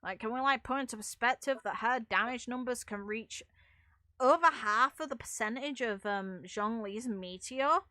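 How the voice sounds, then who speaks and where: On a dry recording, a woman with a voice on the high side, bright and forceful, talks at normal speed. She creates gaming videos and streams, offering casual, opinionated commentary on games in a blunt, informal manner with mild swearing.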